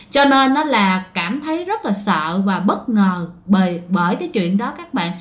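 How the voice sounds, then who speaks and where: A woman with a Southern Vietnamese accent, telling ghost stories in a chatty way and often addressing her listeners directly. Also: on the high side. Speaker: storyteller. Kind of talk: casual ghost story telling.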